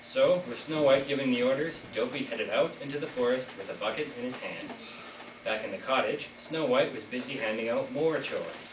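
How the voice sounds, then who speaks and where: Once more the teen narrator plays to his audience with jokes while telling a fairy tale for school reader's theater. His delivery stays medium in pitch and moderate in pace. The far-off recording in an echoey classroom or hall is noisy.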